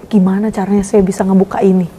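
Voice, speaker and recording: Young woman, lively storyteller, mellow low-bright tone, casual interview guest. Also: fast talker, breathy edge. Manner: lively storyteller acting out quoted dialogue. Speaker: guest sharing her conversion testimony.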